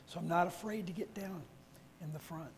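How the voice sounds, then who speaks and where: A man with a high voice and a fairly quick delivery preaches a conversational sermon in a church meeting hall. As a lay preacher speaking to the assembly, he rambles through homespun personal stories and corrects himself in asides. There's hall reverb and a faint hum.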